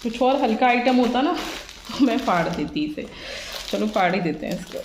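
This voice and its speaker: Woman vlogger talking to viewers at home, bit high pitched, roomy echo. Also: lively intonation, moderate pace. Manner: chatty, addresses viewers directly. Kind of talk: casual unboxing vlog. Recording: echoey room with background noise.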